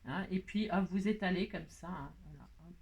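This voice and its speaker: A woman from France hosting a casual craft tutorial, talking in a playful, self-mocking way and tagging her sentences with a quick "hein". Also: on the low side, darkish tone, husky. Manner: cooing baby talk to her pet. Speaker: crafting video host.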